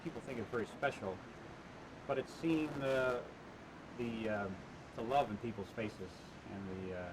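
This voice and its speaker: Man, interviewee, halting speech, frequent fillers, worn tape copy, hissy transfer. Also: medium pitch. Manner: halting, many "uh" fillers and restarts. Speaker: attraction owner being interviewed. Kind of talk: interview answers.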